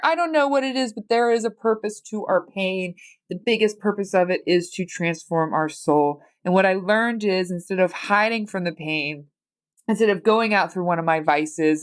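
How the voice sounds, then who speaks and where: A woman's voice: fairly low pitch, clean tone. A woman in her thirties hosting a solo podcast, talking in a rambling, heartfelt, confessional way full of fillers and restarts. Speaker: podcast host.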